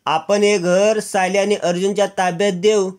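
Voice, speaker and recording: Jovial teasing father figure, read by a man, high and bright. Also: flat delivery, normal speed, lightly acted. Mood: cheerful. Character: jovial middle-aged father of the house.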